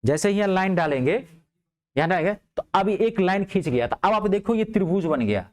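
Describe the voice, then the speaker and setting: A male math teacher. He explains geometry step by step, keeps asking whether things are clear, and drops his voice low to answer his own questions. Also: lively intonation, brisk, a little mellow. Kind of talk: lively classroom math lesson.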